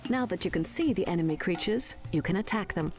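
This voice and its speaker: A woman acting as a calm game tutorial guide, narrating in a measured, instructive nature documentary manner. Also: lowish voice, faint music behind, natural voice.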